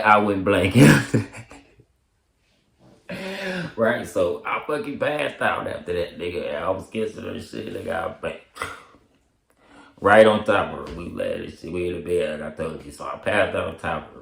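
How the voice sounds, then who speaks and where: Gravelly-voiced man telling a slangy story. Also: deep voice, expressive, moderate pace, long pauses, a bit bright. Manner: slangy, laughs often, voices his past self. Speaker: storyteller vlogger. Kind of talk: casual storytelling. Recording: echoey room.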